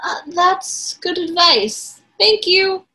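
A woman's voice: very high-pitched, lively intonation, slow, bright, forceful tone, voice pushed up, full character voice. A woman voicing a polite, hungry young anteater who apologizes and asks questions, read aloud from a picture book.

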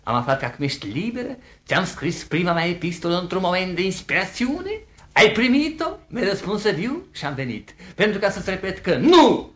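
A man playing a pompous, flowery young suitor in an old radio play, grandiloquent and excitable. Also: high voice. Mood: declamatory. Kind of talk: 1950s radio theatre acting. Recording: old radio theatre recording.

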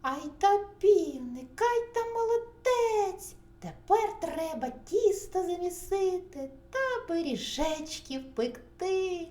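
A woman voicing two lazy, playful little mice with squeaky, shrill voices in a children's audio story. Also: very animated, slow pace, a little mellow, exaggerated voice. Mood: squeaky, demanding. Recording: roomy recording, faint hum.

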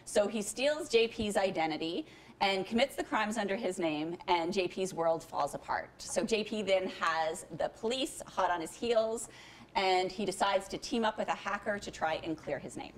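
A woman author sums up her book in a relaxed, casual way, with the odd filler. Her pitch is middling, and a faint hum sits behind her voice. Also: moderate pace. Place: bookstore event.

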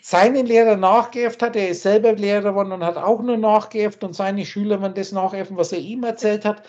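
A man's voice: high-pitched, steady tone, a little fast, a little mellow. A man teaching spiritual ideas on a video call, emphatic and insistent, often repeating his key points. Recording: muffled lo-fi call audio.

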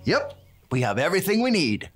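A man playing a cheerful handyman hosts a preschool Bible lesson, leading the children in chants. His high voice is a bit bright and a little fast, swinging hugely in pitch as he speaks in a playful, exclamatory way. Soft music plays in the background.

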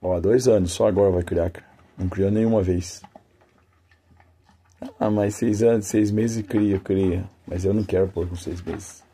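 A man's voice: sits low, fairly even intonation, normal speed, warm tone, slight background noise. A man who breeds dogs, chatting casually to his dogs and viewers, cooing at them in fond baby talk and speaking in a folksy, devout way. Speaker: dog breeder.

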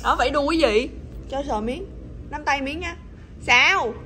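Bright, high woman. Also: normal speed, a little hiss or hum. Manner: teasing, coaxing, laughs often. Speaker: pet channel host. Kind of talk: casual chat to her pets.

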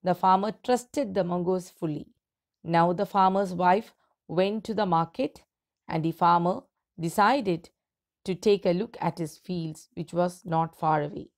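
A woman's voice: fairly low pitch, a little mellow. A woman teacher reading a story aloud to her students and explaining the meaning of its words. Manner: slow, deliberate, clear reading with pauses between phrases.

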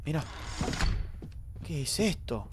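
Excitable man streaming a horror game. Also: on the high side, slow, a little hiss or hum. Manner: excitable, jumpy, talks to chat. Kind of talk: live gameplay commentary.

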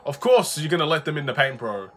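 Man, gameplay commentary, high pitch, bright voice, excitable, swears a lot. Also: fast, soft background music. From Australia. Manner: excitable, swears and says "bro" constantly. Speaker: gaming YouTuber.

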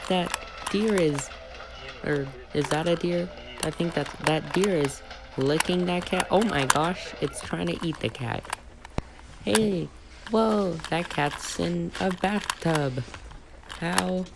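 A woman hosting a reaction video with casual, halting commentary full of short exclamations, on a home recording. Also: deep voice, gravelly. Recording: noisy home recording with clicks.

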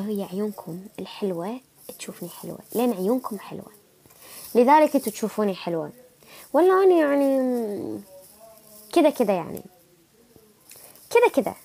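A sick young woman with an Iraqi Arabic accent runs a casual livestream chat, answering what viewers write. Her mid-range voice is expressive, gravelly, dark, and slightly rough, moving a little fast with frequent pauses.

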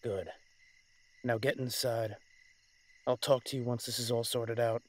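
In a dramatic audio roleplay, a man plays a commanding, weary dragon-shifter mafia boss, speaking in a measured, authoritative way with urgent firmness. His voice is natural and medium-pitched, with a flat delivery.

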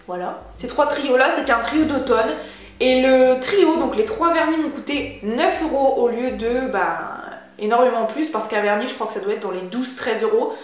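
A woman's voice: a little high, normal speed, heavy reverb. A young woman chatting casually through a beauty haul vlog, slangy and enthusiastic. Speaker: beauty vlogger.

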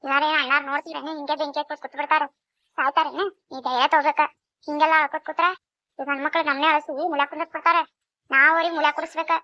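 A woman's voice: high-pitched, little pitch movement, rapid-fire, dry recording, close to an everyday voice. A woman voicing a caring, bold village neighbor woman in a cartoon, with a North Karnataka Kannada accent. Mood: urging. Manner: consoling, rousing. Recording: dull lo-fi recording.

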